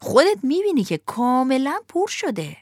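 A woman voicing a fat little coachman in a storybook reading, with a sweet, coaxing, flattering way of talking. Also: high voice, no room sound, clean studio sound, voice pushed up. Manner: coaxing, purring. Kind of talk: storybook narration.

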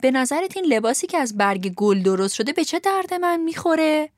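A woman's voice: high-pitched, very animated, dry recording, studio quality, pitched above the performer's own voice. A woman voicing a sensible young boy who answers in a wry, mocking way.

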